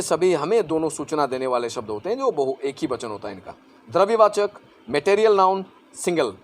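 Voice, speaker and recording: Male grammar teacher, Assamese-influenced accent, somewhat high voice, chatty and repetitive. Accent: Assamese-influenced Hindi. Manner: conversational, repeats words, asks and answers own questions. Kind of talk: explaining Hindi grammar to exam students.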